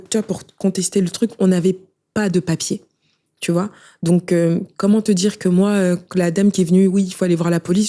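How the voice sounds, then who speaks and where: Young woman talking fast in an interview, darkish mellow voice, keeps saying you know. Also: on the low side. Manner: rapid, emotional, conversational, addresses listener with "tu vois". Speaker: guest sharing her life story. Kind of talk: casual spoken testimony.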